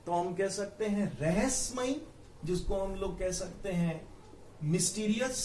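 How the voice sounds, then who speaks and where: High-voiced teacher in echoey room. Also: male voice, slight background noise. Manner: explains patiently, repeats key words, mixes English terms into Hindi. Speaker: vocabulary teacher. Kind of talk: Hindi vocabulary lesson with memory tricks.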